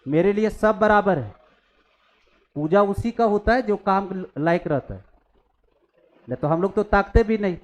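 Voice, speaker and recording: A man's voice: sits high, measured pace, pauses often. A man, teaching maths in a classroom. He scolds his students bluntly, then talks through calculus steps with English maths terms mixed in. He sounds stern and plain-spoken.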